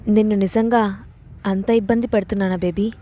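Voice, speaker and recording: A woman's voice: medium pitch, fairly even intonation, brisk, dark tone, natural voice. A woman voicing an arrogant young husband who is short-tempered and teasing, in a bossy, teasing manner.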